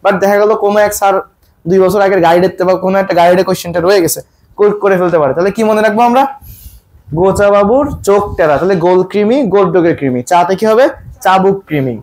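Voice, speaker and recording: This man's voice is high and a touch mellow as he leads exam preparation in biology. Questions come again and again, each one asked twice, and he takes his time spelling out technical vocabulary.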